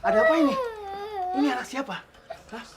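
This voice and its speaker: An actor playing a police officer taking charge at a scene, urgent and commanding. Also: male voice, very high-pitched, huge pitch swings, quick pace, heavy background noise, exaggerated voice.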